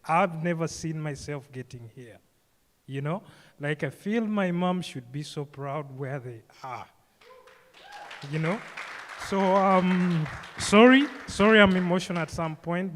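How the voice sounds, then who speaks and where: On stage in a reverberant event hall, a young man with a Ugandan accent shares his personal story with the audience. His pitch is fairly high, and as a programme graduate he keeps the speech informal and conversational, full of "you know" and "like."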